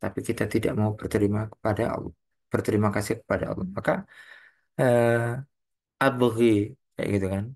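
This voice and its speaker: A man's voice: on the low side, steady tone, a little fast, long pauses, darkish tone. A man giving an online Quran commentary lesson, explaining patiently, asking rhetorical questions and reciting Arabic phrases. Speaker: Quran tafsir teacher. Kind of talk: online religious lecture. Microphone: online lecture mic.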